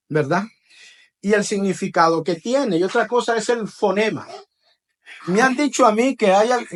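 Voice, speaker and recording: A man preaching to a congregation, leading call-and-response and tagging his phrases with "¿verdad?". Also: sits high. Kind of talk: teaching sermon to a congregation.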